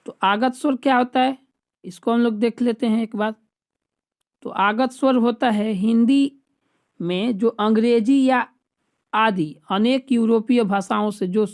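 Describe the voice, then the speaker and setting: A woman with a fairly high voice teaches an exam-prep class. She explains each point patiently and step by step. She keeps checking in with the class and turns key terms into questions before answering them herself.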